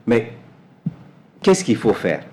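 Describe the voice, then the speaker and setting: A man from Mali, answering as an interview guest in a measured way, repeating words as he searches for them. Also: lowish voice, big pitch swings, darkish tone. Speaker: guest, energy specialist.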